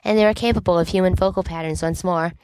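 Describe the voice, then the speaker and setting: A woman with a low-side, slightly mellow voice reads fan fiction aloud for a volunteer audiobook, keeping a steady tone at a quick pace. The expressive narration is wry and emphatically comic. Her tone is clean, with no echo.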